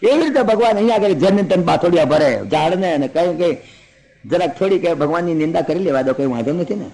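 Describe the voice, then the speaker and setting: Man preaching scripture, jokey storyteller, chants verses, high raspy voice. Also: lively intonation, fast talker, warm tone, rough recording. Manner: humorous storytelling, mixes in English. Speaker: religious discourse speaker.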